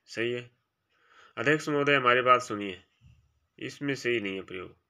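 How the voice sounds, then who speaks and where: A man leads an exam-prep grammar lesson, reading every quiz option aloud and then quietly marking it right or wrong in lower asides. He talks at a normal speed with some vocal fry.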